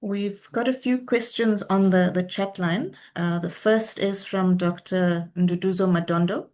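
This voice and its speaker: A woman moderating an online webinar, calmly passing questions on, on a video call. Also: mid-range voice, a little slow.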